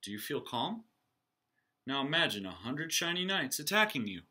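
A man's voice: mid-range voice, sing-song, normal speed, bright, forceful tone, exaggerated voice. A man voicing a brave, kind young knight in a picture book, cheerful and reassuring. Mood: eager.

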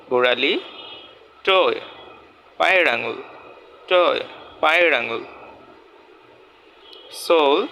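Man, teacher, vocabulary lesson, slow deliberate pace, bright voice, faint hiss behind. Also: medium pitch, rough recording. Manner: slow, repeats each word twice. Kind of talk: vocabulary lesson, word then meaning.

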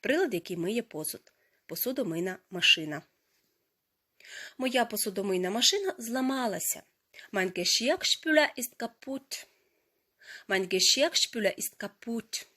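A woman teaching a language lesson, explaining grammar step by step and saying each foreign word slowly and carefully. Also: mid-range voice, animated, pushed and bright. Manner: slow, careful pronunciation of foreign words.

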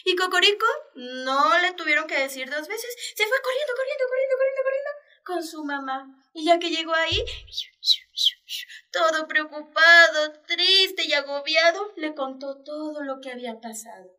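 A woman storyteller for young children, animated and bright, her pitch leaping up and down. She keeps drawing the kids in with questions. The voice sounds distant from the mic. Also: moderate pace. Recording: voice picked up from a distance.

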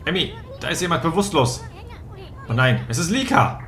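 A man voicing a tiny, excitable sprite companion from a video game, squeaky and exclamatory. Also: normal speed, echoey room, some chatter behind. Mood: alarmed, excitable. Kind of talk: video game character read-aloud.

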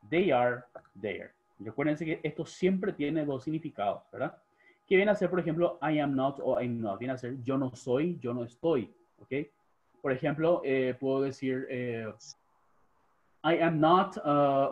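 Man teaching English in Paraguayan Spanish. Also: fairly high pitch. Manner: slow, drawn-out English model phrases. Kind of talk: online class lesson. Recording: dull lo-fi class recording.

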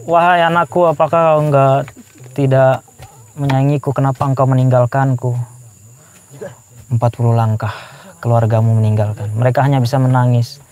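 A man's voice: medium pitch, fairly even intonation, moderate pace, pauses often, darkish tone, close to an everyday voice. A man voicing a newly dead man in his grave, pleading and wailing for help and forgiveness, recorded from inside a covered grave.

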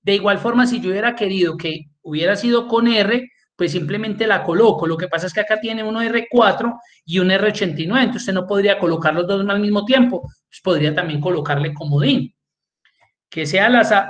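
A man's voice: high voice, fairly quick, fairly bright tone. A man teaching an online spreadsheet class, walking through each step and checking in with his students. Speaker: spreadsheet course instructor.

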